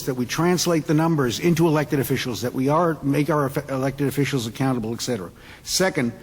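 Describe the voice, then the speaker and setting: A man from Puerto Rico speaking earnestly on a symposium panel, halting and restarting his sentences. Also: fairly high pitch. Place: conference hall. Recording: long reverb of a large hall.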